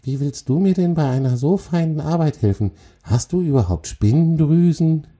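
Man voicing Sila, a tiny shrill cross spider. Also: lively intonation, moderate pace, mellow. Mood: impatient. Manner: scolding, grumbling, impatient. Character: tiny cross female forest spider, impatient.

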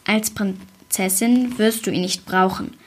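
A woman's voice: mid-range voice, steady tone, a little slow, natural voice. A scheming stepmother hisses harsh orders, as a woman reading a fairy tale puts her on. Her scolding is curt and cold, though the voice stays close to the reader's own. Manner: hissing, scolding.

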